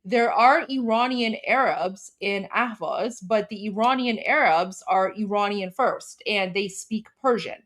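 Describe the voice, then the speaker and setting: Co-hosting a casual livestream, a woman from Iran speaks straight to her viewers with heated, opinionated commentary. Her voice is mid-range and a bit bright, her pace a little slow, with hardly any pauses.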